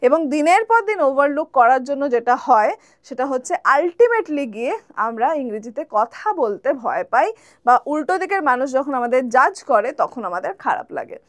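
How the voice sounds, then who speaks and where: A young Bengali-accented woman with a high, bright voice gives a spoken English lesson. She switches between brisk explanation and slow, careful English examples, checking in with her listeners often. The sound is dry and close, with no room echo. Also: very animated. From West Bengal, India.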